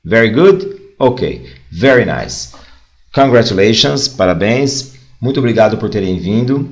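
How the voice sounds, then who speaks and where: A man with a Brazilian Portuguese accent teaching an online English lesson, drilling phrases slowly and then explaining casually. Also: lowish voice, expressive.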